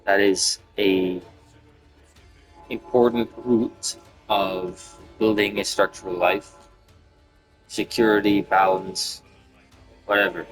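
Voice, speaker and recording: A young man in his twenties with a lowish voice, musing aloud in a loose, unscripted monologue. He rambles and stops to restart his thoughts, padding them with plenty of fillers. Music plays clearly behind him. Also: flat delivery, takes it slowly, long pauses, low-quality recording. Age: 20s. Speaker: gaming video creator. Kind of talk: casual reflective monologue.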